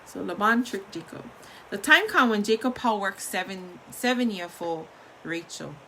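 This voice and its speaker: A woman's voice: medium pitch, expressive, normal speed, creaky, bright, forceful tone, a little hiss or hum, poor audio. A woman with a Hawaiian Pidgin accent reading a story aloud in an informal, conversational way.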